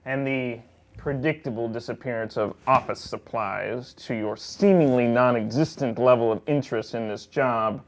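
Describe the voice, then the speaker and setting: An actor playing a petty, pompous, vindictive office boss who scolds melodramatically in a comedy drama. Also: male voice, medium pitch, moderate pace, slight background noise, lightly acted. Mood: condescending, scolding. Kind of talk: comedic audio-drama dialogue.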